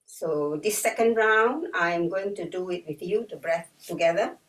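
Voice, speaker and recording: A woman guiding an online breathwork and yoga class in an unhurried, gently instructive way. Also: fairly low pitch. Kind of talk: guided online class instruction, with chanted mantras. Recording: roomy echo, distant from the mic.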